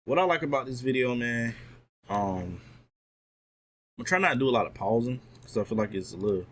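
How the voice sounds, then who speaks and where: A young man giving a pep talk to his livestream chat, his pitch bouncing up and down as he talks. He keeps it casual and slangy, and a faint hiss of noise sits under his voice. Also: lively intonation, fairly quick. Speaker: streamer.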